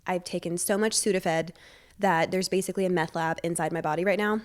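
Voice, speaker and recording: A woman hosts a casual solo podcast from her living room on a wired podcast mic, sounding stuffy and congested. She chats in a bubbly, rambling, self-deprecating way, her lowish voice steady and a little fast.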